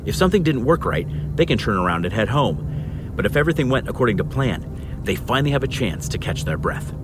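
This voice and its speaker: A man's voice: mid-range voice, big pitch swings, brisk, background noise. A man narrating a scripted documentary in a dramatic, explanatory storytelling manner. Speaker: podcast narrator. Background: prominent music.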